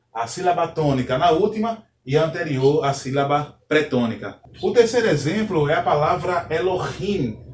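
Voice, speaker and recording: Man, patient teacher who explains step by step, slightly high voice, recorded from a distance in an echoey room. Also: darkish tone. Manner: methodical, repeats points, checks in with "ok?". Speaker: Hebrew teacher. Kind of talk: online grammar lesson.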